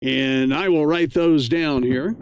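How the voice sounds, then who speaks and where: A man's voice: a little high, slow, a little hiss or hum. An American man, middle-aged or older, hosting an amateur radio net in a chatty, folksy, casual way.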